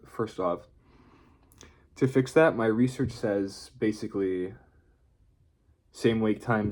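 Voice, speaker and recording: A man's voice: sits low, a little mellow. A man talking casually in an unscripted video diary, rambling and hesitant as he thinks aloud. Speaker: vlogger.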